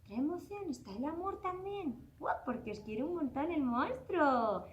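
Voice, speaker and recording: Animated woman telling a children's story. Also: high-pitched, normal speed, echoey room, dull audio. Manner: expressive, exclaiming, addressing children directly.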